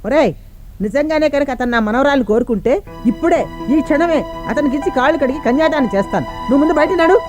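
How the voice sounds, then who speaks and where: Older lady doing a stern granny, talks super fast, music behind. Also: high-pitched, close to an everyday voice. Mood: angry, scolding. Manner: scolding, commanding. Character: stern protective grandmother of the heroine. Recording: film soundtrack with music behind.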